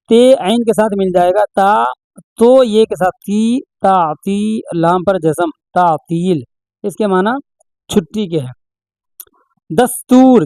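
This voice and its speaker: Man, high voice, patient reading teacher, slow spelling-out lesson, dry close sound. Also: a little mellow, no echo, rough recording. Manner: patient, sounds out letters and asks questions.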